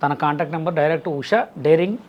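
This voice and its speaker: Fast-talking male interviewer. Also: a little high, dull audio. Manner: brisk, coaxing, directs the guest. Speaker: interviewer host. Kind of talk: casual interview chat.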